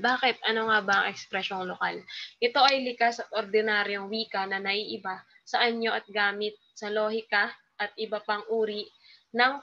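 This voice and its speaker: Bright-voiced Filipina teacher giving a lecture. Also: female voice, medium pitch. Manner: explains patiently, many fillers and tag questions. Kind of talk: recorded online lecture. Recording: slightly dull lo-fi sound.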